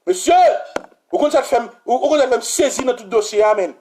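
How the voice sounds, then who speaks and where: A man with a Haitian accent giving heated, repetitive political commentary that bursts into shouting. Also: extremely high pitch, expressive, brisk, a little hiss or hum. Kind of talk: impassioned political commentary vlog.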